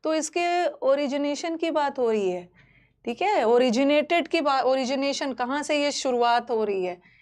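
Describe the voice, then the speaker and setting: A woman's voice: high voice, unhurried. A woman teaching a live online exam-prep class, explaining terms in a mix of Hindi and English and checking in with students often.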